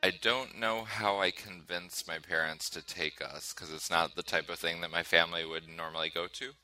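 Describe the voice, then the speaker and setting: A man's voice: sits low, normal speed, rough recording. A man hosting a film podcast, telling stories casually and laughing often. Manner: laughs often, animated storyteller. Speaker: podcast host. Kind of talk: casual chat.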